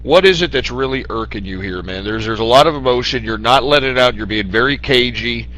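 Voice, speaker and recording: Male chat room regular with a bright, forward tone, quizzing the caller casually. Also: mid-range voice, a little fast, low-quality recording. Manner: probing, stammering questions.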